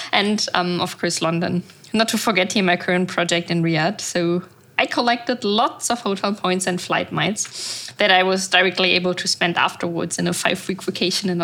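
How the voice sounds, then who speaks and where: A woman's voice: lowish voice, fairly bright tone. A woman co-hosting a podcast, speaking in a cheerful, breezy way and laughing easily. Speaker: podcast co-host. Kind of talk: casual podcast chat.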